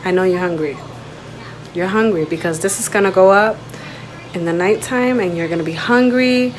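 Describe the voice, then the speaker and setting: Cooking at home for her video channel, a woman chats casually to her viewers in a mid-range voice at a moderate speed. The home recording comes through clearly noisy.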